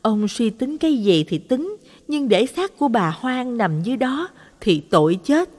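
A woman's voice: a little high, very animated, moderate pace, darkish tone, in a large hall, voice pushed up. A woman voicing a frightened village wife who speaks in a trembling, pleading voice.

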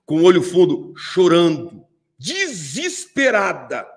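A man's voice: a little high, wildly swooping pitch, takes it slowly. A middle-aged man with a Brazilian accent, preaching a sermon and telling a story with emphatic repetition. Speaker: pastor.

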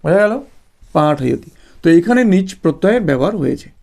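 Gravelly Bengali-speaking man teaching patiently. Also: fairly high pitch, very animated, mellow. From West Bengal, India. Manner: patient, repetitive explaining with frequent "ah" fillers; slows to spell out Sanskrit examples syllable by syllable. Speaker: Sanskrit teacher. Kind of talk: exam-prep grammar lesson.

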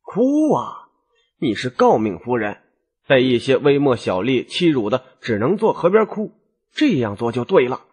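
A man's voice: medium pitch, sing-song, moderate pace, darkish tone, slightly rough. A man doing a shrewd, easygoing nobleman. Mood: coaxing. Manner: easygoing, coaxing persuasion. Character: calm, shrewd nobleman husband.

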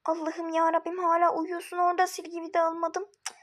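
Woman doing a flustered big sister, high voice, frantic, talks to herself, repeats words, homemade mini-series. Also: monotone, brisk. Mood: bossy. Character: flustered older sister rushing to school.

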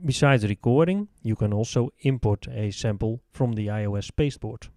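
A man narrating a software tutorial, calm and explanatory, with the odd filler. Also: fairly low pitch, normal speed, long reverb tail. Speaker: app tutorial presenter.

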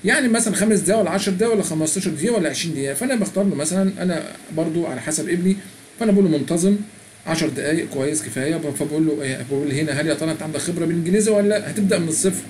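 This fairly high, slightly mellow male voice speaks rapid-fire with a little hiss or hum behind it. He's a middle-aged tutorial presenter with an Egyptian Arabic accent, chattily demonstrating a language app on a screen recording and reading out its prompts.

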